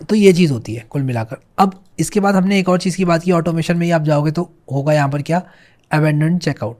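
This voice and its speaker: A man's voice: on the high side, darkish tone. Chatty man explaining a tutorial. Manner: chatty, repeats "theek hai" and "bhai", reads on-screen English slowly. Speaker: coding tutorial host. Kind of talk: casual screen-share tutorial.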